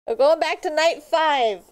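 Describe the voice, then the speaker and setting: A young woman streaming a horror game, swearing, laughing and yelling at the game. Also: sits high, dry recording. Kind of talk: horror game playthrough commentary.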